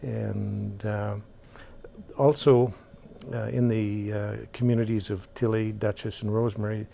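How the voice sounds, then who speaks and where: Slow, deep gravelly man. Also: little pitch movement, warm tone. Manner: slow and deliberate, many "uh" pauses. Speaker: housing board member. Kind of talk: interview answers. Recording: faint background noise.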